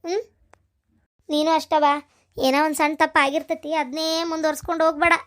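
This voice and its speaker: A woman's voice: sits high, flat delivery, brisk, fairly bright tone. A woman voicing a fussy older cartoon mother-in-law who nags with advice, with a North Karnataka Kannada accent. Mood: fussing. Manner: nagging, instructing. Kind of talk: cartoon voice acting.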